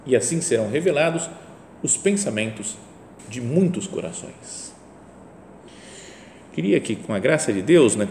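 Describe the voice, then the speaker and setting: A male priest with a Brazilian Portuguese accent delivers a sermon in an easy, conversational way. His voice is lively and rises and falls a lot as he leans on rhetorical questions. It rings through a reverberant hall, with faint ambient sound behind him. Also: medium pitch, slight background noise.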